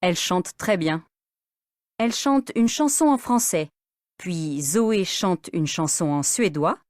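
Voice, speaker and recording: Slow, expressive woman narrator. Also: lowish voice, dry recording, studio quality. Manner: clear, expressive. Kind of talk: slow scripted narration for language learners.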